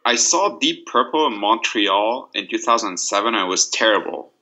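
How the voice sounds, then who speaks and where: A man's voice: on the low side, expressive, moderate pace, sharp tone, highs cut off. A man from Lebanon in casual podcast chat, laid-back, saying dude a lot and swearing.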